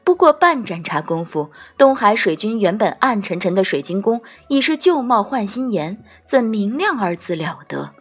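A woman narrating a first-person fantasy audiobook, gentle and wry. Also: medium pitch, sing-song, normal speed, hardly any pauses, husky, faint music behind. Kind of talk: scripted storytelling narration.

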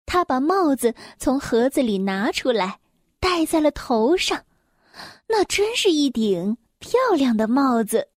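A woman reading a children's story aloud in a gentle, expressive storytelling voice. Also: sits high, measured pace, no room sound, clean studio sound.

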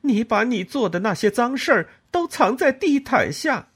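A man's voice: medium pitch, huge pitch swings, normal speed, breathy edge, exaggerated voice. A man voicing a haughty, cold older mother-in-law in an audiobook. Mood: indignant.

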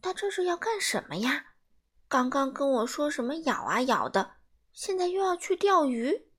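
An upset young boy from a storybook, quick to anger, as a woman reads him. The voice sits high and swings around a lot, agitated and childlike. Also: big pitch swings. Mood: eager.

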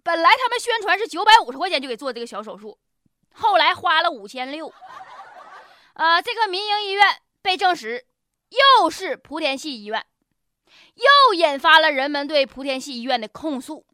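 A woman's voice: very high-pitched, big pitch swings, moderate pace, pushed and bright, no echo, clean studio sound. A woman with a Northeastern Chinese accent hosting a comedic news commentary show in a colloquial, joking, exaggerated way. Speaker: radio show host.

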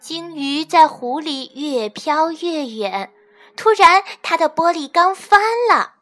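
A woman reading a children's storybook aloud, expressive and measured. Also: sits high. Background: faint children's music.

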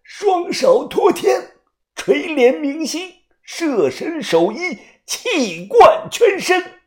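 A woman's voice: high voice, very animated, a little mellow, voice pushed up, exaggerated voice. A woman putting on a cackling crazed old kung fu master. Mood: chanting. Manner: cackling, sing-song, drawn-out chanting. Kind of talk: storytelling audiobook.

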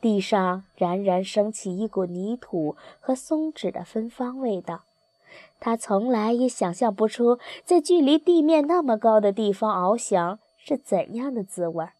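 Woman gently narrating a children's story. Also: mid-range voice, lively intonation, a little slow, no echo, clean studio sound.

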